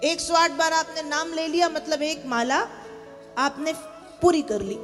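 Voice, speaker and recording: High-voiced woman preaching in a hall. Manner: animated, urges the audience to chant and clap. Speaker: devotional storyteller. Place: large hall with a live audience. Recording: long hall reverb with faint music.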